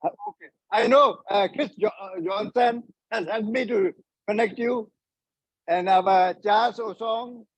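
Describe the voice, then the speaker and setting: A man's voice: sits high, a little slow, dry recording, lo-fi sound. A man in his seventies from Myanmar on a group video call, talking in an effusive, formal and grateful way. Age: 70s. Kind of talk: casual chat.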